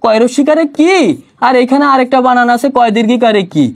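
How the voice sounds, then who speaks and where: A man in his thirties, a Bangla teacher, giving a promotional talk to students in a lively, jokey way and acting out his examples. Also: very high-pitched, moderate pace.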